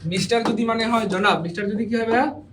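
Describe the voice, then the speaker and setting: A man's voice: very high voice, quick pace, background noise. A male teacher, leading an exam-prep grammar class and quizzing students with repeated questions and jokes.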